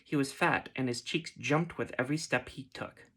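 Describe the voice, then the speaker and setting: A man gently reading a fantasy story aloud in a soft ASMR style. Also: mid-range voice, husky. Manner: gentle, unhurried. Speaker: reader.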